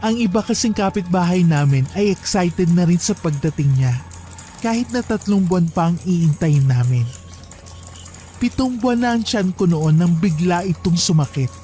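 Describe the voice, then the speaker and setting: A man narrating a first-person horror story in a calm, reflective storytelling manner. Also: sits high, normal speed, soft background music.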